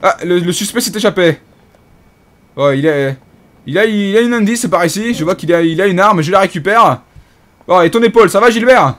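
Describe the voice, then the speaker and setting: A man's voice: high voice, lively intonation, brisk, fairly bright tone. A man voicing a pompous, bumbling police inspector in mock-solemn game commentary, with a French accent and hesitant fillers. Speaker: gaming YouTuber. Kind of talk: comedic in-character game commentary.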